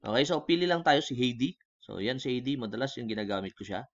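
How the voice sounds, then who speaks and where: A man with a Filipino accent talking through a software tutorial in a casual way, switching between Tagalog and English and often checking in with the viewer. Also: mid-range voice, lively intonation, fast, highs cut off. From Philippines. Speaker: online tutorial host. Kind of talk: screen-recorded software tutorial.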